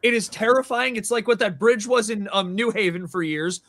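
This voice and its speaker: A band member and show regular tells friends a lengthy, wandering story in a small room with several people around mics, acting out dialogue and leaning on fillers and restarts. His voice is high-pitched and fairly bright, at a moderate pace, in a dry recording.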